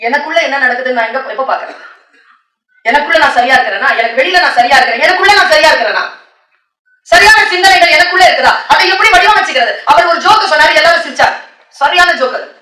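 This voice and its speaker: High, bright-voiced woman speaker in an echoey hall. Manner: lively storyteller mixing in English words. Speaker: motivational speaker. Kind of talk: public motivational speech. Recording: echoey hall, distant mic.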